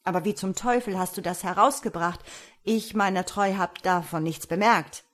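Woman reading Mistifax, loud young peasant. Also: mid-range voice, normal speed, lightly acted. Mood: exclaiming. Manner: loud, exclaiming. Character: young male peasant, fretful, sly.

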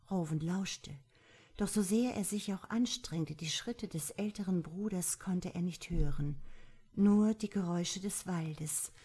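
Woman narrator, audiobook storytelling, soft hushed delivery, husky, low voice. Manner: soft, hushed, often near a whisper.

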